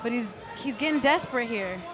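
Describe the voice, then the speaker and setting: Woman color commentator, live sports, high voice, explanatory and technical, crowd behind her. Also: expressive, fairly quick, background noise.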